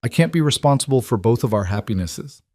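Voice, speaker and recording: A man's voice: medium pitch, animated, quick pace, darkish tone, no echo, studio quality, natural voice. A man voicing an exhausted, struggling young woman of twenty-nine, weary and strained. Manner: weary, strained, pleading for realism.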